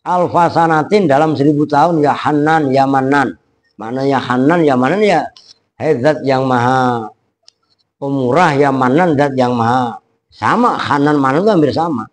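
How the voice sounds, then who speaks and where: A man's voice: medium pitch, normal speed. Man glossing an Arabic kitab casually. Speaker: kyai teaching a kitab. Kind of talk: pesantren kitab lesson, word-by-word translation.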